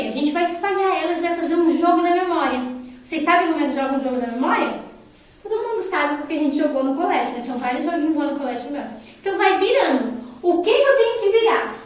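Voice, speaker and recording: A woman teacher with a Brazilian Portuguese accent giving a remote lesson to children and their parents. She explains patiently and keeps checking in with her listeners. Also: extremely high pitch. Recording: very echoey room, mic far away.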